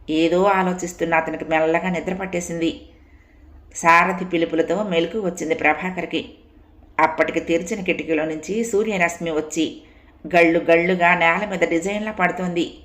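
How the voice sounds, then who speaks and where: A woman's voice: fairly low pitch, fairly even intonation, moderate pace, a bit bright. Woman storyteller in an echoey room. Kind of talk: scripted story narration.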